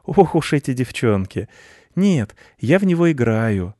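A man's voice: medium pitch, sing-song, measured pace, mellow, no room sound, studio quality, pitched above the performer's own voice. A man voicing a stubborn young boy who whines and protests in a storybook reading. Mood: protesting. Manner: whiny and protesting. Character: young boy hooked on his phone, stubborn.

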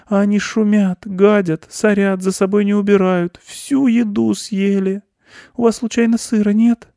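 A man's voice: sits high, little pitch movement, unhurried, warm tone, no room sound, studio quality, pitched above the performer's own voice. A man voicing a timid, tearful young male mouse who pleads anxiously. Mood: complaining.

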